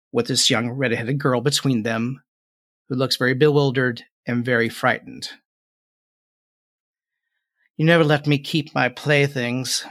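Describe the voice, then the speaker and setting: A man with a mid-pitched voice works as game master, improvising scenes for a tabletop fantasy game. He describes things in halting pieces, rephrasing as he goes. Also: a bit bright.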